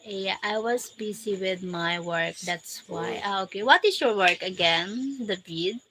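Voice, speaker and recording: A woman with a Filipino accent chatting casually on a livestream, reading viewers' names and comments aloud in halting English and laughing often. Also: mid-range voice, a bit bright, slight background noise, low-quality recording. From Philippines. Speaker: live streamer.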